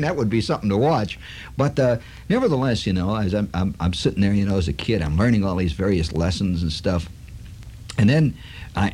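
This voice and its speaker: A wry, husky man spinning a rambling yarn. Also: mid-range voice. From Chicago. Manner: rambling, wry, animated, full of asides. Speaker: radio host. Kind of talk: storytelling monologue.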